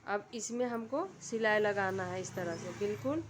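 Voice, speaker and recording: Woman, tutorial host, medium pitch, steady instructional delivery, faint background hiss. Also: moderate pace. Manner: calm, repetitive instructional voice-over. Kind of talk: step-by-step sewing instruction.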